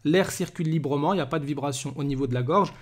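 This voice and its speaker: A man teaching Arabic letters step by step, patiently repeating each sound slowly and often checking that the listener follows. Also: on the high side. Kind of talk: step-by-step pronunciation lesson.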